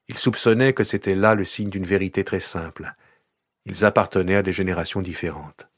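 A man narrating an audiobook in a measured, even reading. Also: low-pitched, husky, dry recording, studio quality. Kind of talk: scripted narration.

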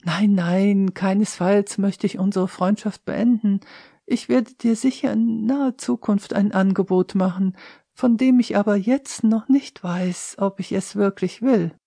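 A woman's voice: medium pitch, measured pace, vocal fry, warm tone, no room sound. A woman reading the part of a wry, independent woman of nearly fifty in an audiobook. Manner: dry, evasive.

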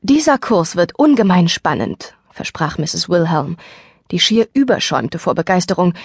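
A woman reading a first-person story as an audiobook narrator, expressive and lively, on a dry studio microphone. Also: lowish voice, dry recording.

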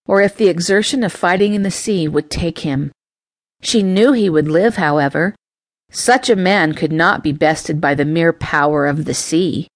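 A woman reading a romance audiobook in a gentle, measured storytelling voice. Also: on the low side, no room sound. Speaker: audiobook narrator. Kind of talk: scripted narration.

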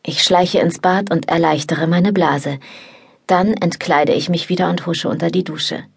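A woman narrating an erotic novel in the first person, in calm, intimate storytelling. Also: fairly low pitch, measured pace, creaky, husky. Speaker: audiobook narrator.

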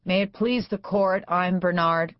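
A woman's voice: lowish voice, steady tone, unhurried, dry recording, pitched above the performer's own voice, natural voice. A woman doing a flustered hapless lawyer. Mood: nervous. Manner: flustered, hesitant. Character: nervous hapless male lawyer. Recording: dull dry studio sound.

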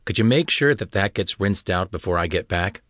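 A male audiobook narrator voicing a composed small-town police captain who speaks with calm authority. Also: deep voice, moderate pace, no echo, clean studio sound.

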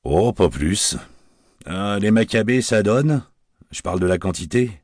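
A man's voice: lowish voice, lively intonation, measured pace, a little mellow, no room sound, voice pushed up. A man voicing a world-weary, wisecracking male private detective with dry, sardonic talk.

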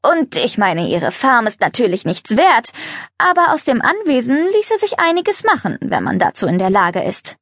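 A woman's voice: high voice, very animated, normal speed, no room sound, studio quality, pitched above the performer's own voice. A woman voicing a haughty, condescending rich countess in a children's storybook reading. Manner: snooty, condescending.

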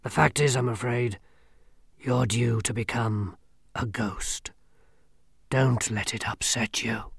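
A man reading a storybook, voicing Death as a tall male skeleton who speaks slowly, calmly and mildly. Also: mid-range voice, creaky, slightly rough, dry recording, full character voice. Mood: gently sympathetic. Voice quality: slow, hushed, dry and measured. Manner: mild, patient, faintly peevish.

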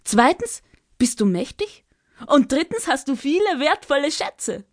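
A woman voicing a small, curious female parrot who speaks in a high, chirpy and eager way. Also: sing-song, unhurried. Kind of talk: children's audiobook character voice.

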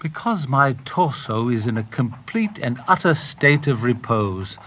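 In a comic audio theater parody, an actor plays a pompous, long-winded Victorian doctor and narrator, using wordy, stuffily formal phrases in a stuffy, unimpressed mood. The male voice is medium-pitched, animated, unhurried and a bit bright, with the highs cut off.

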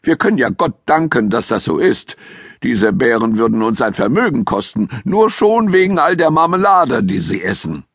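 A man's voice: mid-range voice, very animated, moderate pace, breathy edge, no echo, clean studio sound, pitched above the performer's own voice. A man voicing a fussy, tart older female housekeeper in a children's audiobook, with a grumbling manner. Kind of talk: audiobook character voice.

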